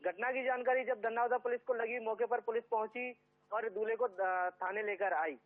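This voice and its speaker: Man, field reporter, police station, halting speech with fillers, tinny phone line. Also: extremely high pitch, steady tone. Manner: halting, many filler sounds.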